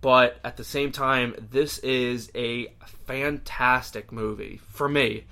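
Bright-voiced young man chatting casually. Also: medium pitch, steady tone, slow pace, creaky, clear, resonant tone. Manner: enthusiastic, opinionated, uses many fillers. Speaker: podcast co-host. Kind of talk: casual chat.

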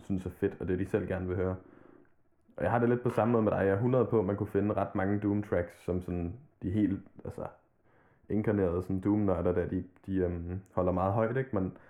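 Over a tinny, phone-like connection, a man with a lowish, mellow voice chats loosely about hip-hop for a podcast, swearing without restraint.

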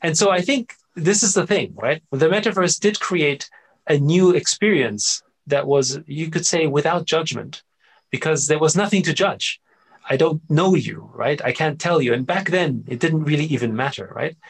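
Gravelly-voiced man, animated interview guest. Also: on the high side, moderate pace. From Austria. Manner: animated storyteller, frequent "right?" and "you know" tags. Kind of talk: casual conversational interview.

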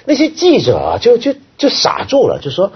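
A man's voice: extremely high pitch, moderate pace, breathy edge, lo-fi sound. A man, a regular panelist, telling a story in a casual panel chat. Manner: lively storytelling.

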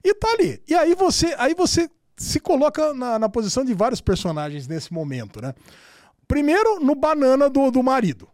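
Brazilian podcast host, male, high voice, dry close sound, animated swearing storyteller. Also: moderate pace, no echo. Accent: Brazilian Portuguese. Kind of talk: casual podcast chat.

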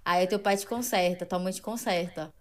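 A woman's voice: fairly low pitch, normal speed. A woman from Belém with a Belém accent, chatting casually and saying "tu" throughout. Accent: Belém, Pará Portuguese. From Belém, Brazil. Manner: uses "tu" throughout, explains at length. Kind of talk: casual chat.

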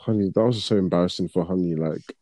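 A man's voice: low voice, fast talker, a crowd in the background. A young man co-hosting a podcast, chatting casually, laughing often and hesitating in slangy asides. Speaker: podcast co-host. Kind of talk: casual chat.

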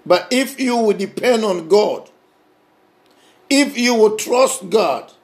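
A man preaching a sermon, emphatic and repetitive, swinging between raised passages and soft, intimate ones. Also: high voice, animated, takes it slowly.

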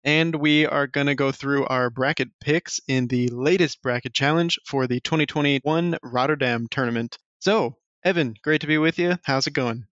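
A man co-hosting a casual sports podcast, loose and joking as he talks. His voice sits at a middle pitch. The sound is dry and a little dull, like a modest home mic. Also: normal speed, hardly any pauses, a bit bright, no room sound. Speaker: podcast co-host.

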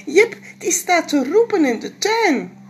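A woman voicing a worried little girl in a storybook read-aloud, in a very high, anxious voice. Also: big pitch swings, takes it slowly, heavily acted.

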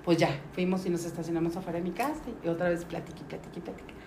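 A woman's voice: fairly low pitch, very fast, creaky. A middle-aged woman with a Mexican accent, a podcast guest casually telling a story and acting out the voices of the people in it. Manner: lively, acts out the voices of people in her story. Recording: roomy recording with faint noise.

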